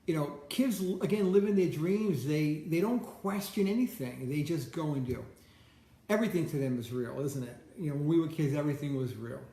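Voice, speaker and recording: A man's voice: on the high side, fairly quick, mellow, echoey room. A man talking casually in a rambling monologue, often repeating words as he starts sentences. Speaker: host.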